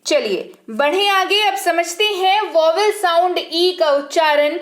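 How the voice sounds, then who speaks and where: Slow, high-voiced woman teaching English. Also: animated, a bit bright. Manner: slow and deliberate, spells words letter by letter, asks rhetorical questions. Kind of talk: spoken language lesson.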